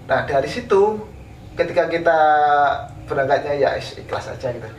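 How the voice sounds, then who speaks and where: A man from East Java, an interviewed painter, tells his life story in a casual, unhurried way with many fillers. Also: on the high side, lively intonation. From East Java, Indonesia. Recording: roomy, from a distance, faint background noise.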